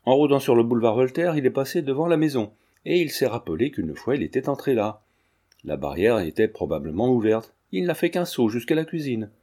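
A man reading as a calm reasoning gentleman. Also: medium pitch, brisk. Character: gallant, calm young gentleman. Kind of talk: audiobook character reading.

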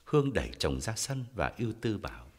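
A man narrating a story in a measured, expressive audiobook style. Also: deep voice, husky, long reverb tail.

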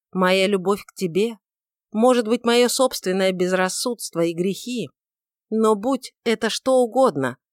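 A woman's voice: lowish voice, dry recording. A woman voicing a troubled, passionate male outlaw who speaks in a brooding, pleading way, on a dry recording.

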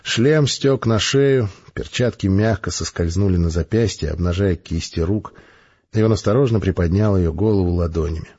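Brief: male audiobook narrator, measured storytelling, husky tone, muffled sound. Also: sits low, darkish tone.

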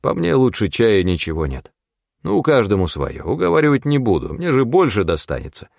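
A man's voice: lowish voice, huge pitch swings, normal speed, gravelly, darkish tone, dry recording, clean studio sound, heavily acted. A man voicing a wary, bossy old mentor who scolds in blunt, folksy talk. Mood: easygoing. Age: older.

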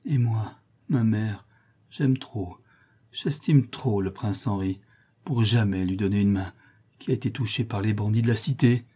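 A man reading an audiobook, voicing an anguished young woman full of shame, in a higher, pleading tone. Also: unhurried, dark tone, husky. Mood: resolute.

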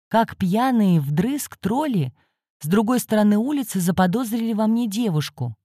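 Lady doing a scared young student girl, hushed and anxious, dark mellow voice. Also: medium pitch, expressive, moderate pace, breathy edge, no echo, clean studio sound, pitched above the performer's own voice. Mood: irritated. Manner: whispering, anxious. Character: frightened young woman student out at night.

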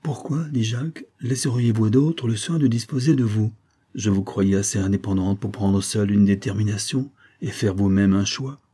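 An earnest, slightly awkward young man in a spoken storybook reading, low and mellow, husky in tone. A man voices him close to his own reading voice. He speaks hesitantly and sincerely. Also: normal speed.

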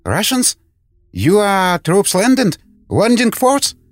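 A man voicing a scared middle-aged foreign hunter who pleads in halting, broken English. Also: high-pitched, big pitch swings, no room sound, voice pushed up, exaggerated voice. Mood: nervous, pleading. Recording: dry studio with faint music.

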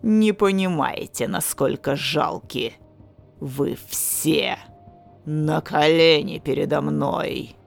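A woman voicing a young man possessed by darkness, speaking in a slow menacing growl. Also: deep voice, vocal fry, soft background music, full character voice. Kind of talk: audiobook character voice.

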